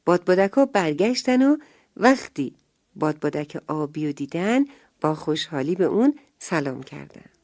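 A woman telling a bedtime story to children, gentle and expressive, sometimes dropping to a whisper. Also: sits low, no echo, studio quality.

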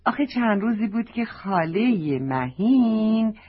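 Affectionate woman reading a kids' story, husky tone, muffled lo-fi audio. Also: fairly high pitch, expressive. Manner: affectionate, addresses the children directly. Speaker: children's storyteller. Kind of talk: storytelling for children.

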